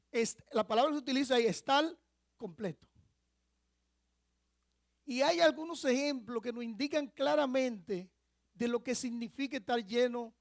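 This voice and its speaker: A man's voice: very high-pitched, no room sound, clean studio sound. A male pastor from the Dominican Republic preaching a sermon in a church, explaining a word and asking the congregation questions. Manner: teaching with rhetorical questions to the congregation. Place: church sanctuary.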